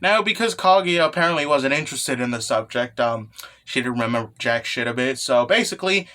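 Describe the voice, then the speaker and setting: A man hosting a manga recap as an excited anime fan, casual, sweary and irreverent, often checking in with the listener. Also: medium pitch, fairly quick. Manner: often tags phrases with "okay" or "right". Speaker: host of a manga chapter review channel.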